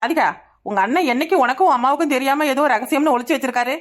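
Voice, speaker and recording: Cartoon young wife voiced by a woman, sulky and sharp-tongued, Kanyakumari Tamil accent, high voice, rapid talk. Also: close to an everyday voice. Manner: sulky, retorting.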